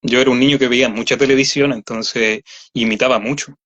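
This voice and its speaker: A man's voice: medium pitch, fairly even intonation, fairly quick, a bit bright. A man with a Chilean accent, a voice actor chatting at length in an interview and explaining with many fillers. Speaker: voice actor guest. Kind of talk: casual interview chat. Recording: slightly dull lo-fi audio.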